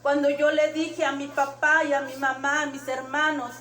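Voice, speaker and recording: A woman's voice: sits high, flat delivery, moderate pace, fairly bright tone, slight background noise. A woman giving an emotional personal testimony in church, retelling her dreams and quoting what was said to her. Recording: echoey room, distant mic.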